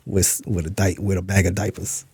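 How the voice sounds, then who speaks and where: A man's voice: low voice, little pitch movement, brisk, a little mellow, husky, no room sound. A man from New York, a podcast guest telling his life story in a blunt, streetwise way, swearing freely. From New York, USA. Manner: acts out past dialogue in a raised voice. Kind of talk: candid interview storytelling.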